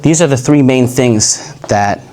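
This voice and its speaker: With a medium-pitched voice and an unhurried pace, a man coaches a live workshop group on communication. His relaxed talk rambles, often looping back to correct itself.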